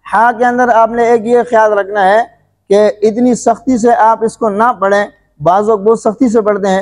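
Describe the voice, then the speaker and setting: A male tajweed teacher with a fairly high voice, explaining rules patiently and throwing questions at his class before answering them himself. He clears his throat and coughs from time to time, and his words ring out with a long reverb. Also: darkish tone. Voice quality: repetitive question-and-answer teaching, frequent filler phrases. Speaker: Quran recitation teacher.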